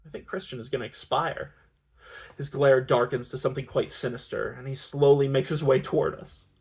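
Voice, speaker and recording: A man reading a romance novel aloud in a deadpan tone, often stumbling and correcting himself. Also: medium pitch, a little fast, breathy edge. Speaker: reader and channel host. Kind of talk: comic audiobook reading.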